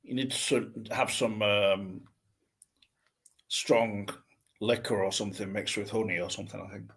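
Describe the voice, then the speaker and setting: A middle-aged man talks casually with a husky, slightly low voice. He is hesitant and thoughtful, rambling his way through each point as a co-host. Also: steady tone, measured pace, a bit bright. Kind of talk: casual chat.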